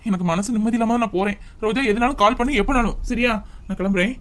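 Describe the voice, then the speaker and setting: A man playing an earnest young husband in a home drama, talking fast in a high voice, urging and advising with steady concern. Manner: urgent, advising. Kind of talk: family drama skit.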